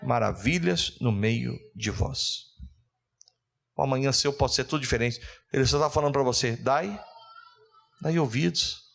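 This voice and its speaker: A man pastor, preaching a fervent sermon that rises into loud calls and readings from scripture. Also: mid-range voice, a little slow, vocal fry, pauses often.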